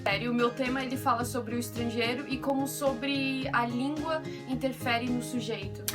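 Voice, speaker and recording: A woman's voice: a little high, fairly even intonation, normal speed. A young woman student presenting her project topic in a scripted, explanatory way. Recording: loud guitar music behind.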